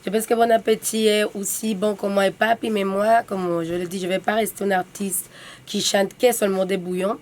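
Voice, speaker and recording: Young dominican woman in a radio studio, spanish is her first language, halting simple french, casual interview chat. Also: medium pitch, little pitch movement, darkish tone. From Dominican Republic. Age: young adult. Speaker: guest singer.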